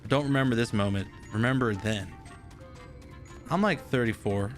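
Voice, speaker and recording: A man's voice: mid-range voice, normal speed, faint music behind. A man in his thirties streaming gameplay live, rambling and joking casually and swearing freely. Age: 30s.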